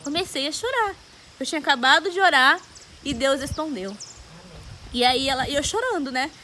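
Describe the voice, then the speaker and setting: A woman's voice: high voice, lively intonation, moderate pace, sharp tone, slight background noise. A young woman with a Brazilian Portuguese accent gives an emotional personal testimony to a congregation, telling her story with animation and acting out the voices and prayers she quotes. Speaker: church testimony speaker.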